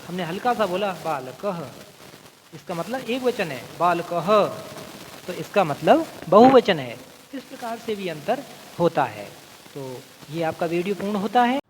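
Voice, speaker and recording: A man teaching a recorded Sanskrit grammar lesson, reciting word forms slowly and deliberately. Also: high-pitched, sing-song. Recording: long reverb, faint room noise.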